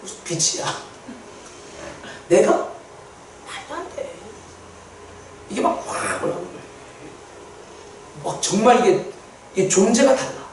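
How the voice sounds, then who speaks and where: A man preaching a sermon testimony, telling his story with animated repetition for emphasis. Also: sits high, slow, creaky, long pauses, a little hiss or hum. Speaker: pastor. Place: church sanctuary. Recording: echoey church hall from far off.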